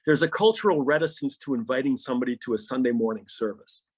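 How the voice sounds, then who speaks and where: A man's voice: mid-range voice, expressive, fast, a little mellow, breathy edge. A middle-aged pastor in a podcast interview, telling stories animatedly and often repeating words as he starts a thought.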